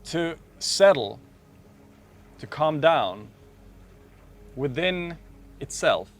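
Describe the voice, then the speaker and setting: A man speaking as a meditation teacher, guiding a slow, calm meditation with long pauses. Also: a little high. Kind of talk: guided meditation talk.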